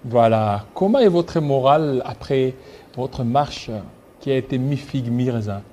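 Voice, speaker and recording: A man from Congo hosting a political talk show, asking measured, pressing questions. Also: medium pitch, warm tone, a little hiss or hum. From Democratic Republic of the Congo. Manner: measured, pressing questions, slow deliberate phrasing. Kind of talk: political interview.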